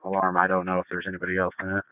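Guy on fire radio, lowish clean voice, terse, squashed tinny scanner sound. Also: monotone, very fast, no echo. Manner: terse, procedural, speaking over a radio. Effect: voice over a two-way radio. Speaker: fire battalion chief on radio. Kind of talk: fire department radio dispatch traffic.

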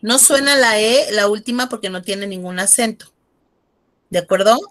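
A woman's voice: medium pitch, normal speed, fairly bright tone. Friendly teacher woman. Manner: friendly, coaxing, switches between Spanish and French. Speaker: French teacher. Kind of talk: online class teaching. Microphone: video call.

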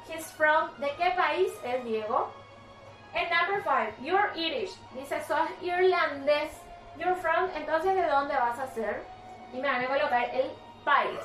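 A Paraguayan woman with a high voice takes her class through a recorded English lesson, going slowly and repeating each word. She sits some way from the mic in an echoey room, with faint music behind her. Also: fairly bright tone, distant mic. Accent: Paraguayan Spanish. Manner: slow, explaining patiently, repeating words. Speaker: English teacher.

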